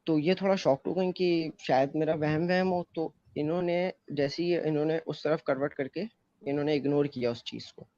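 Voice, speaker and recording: Guy rambling through his own story, lots of umms, slightly high voice, muffled dry mic. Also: normal speed, a little mellow, dry recording. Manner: loose rambling retelling with many fillers. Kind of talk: casual first-person storytelling.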